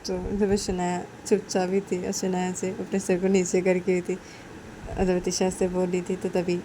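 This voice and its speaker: A woman's voice: fairly low pitch, monotone, moderate pace, mellow, a little hiss or hum, poor audio. A woman casually narrating a homemade romance story, retelling each step plainly and repeating herself.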